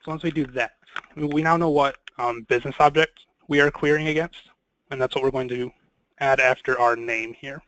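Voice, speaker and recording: A man leading a screen-share software training, talking casually with many fillers. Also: medium pitch, fairly even intonation, a little fast, no echo, rough recording.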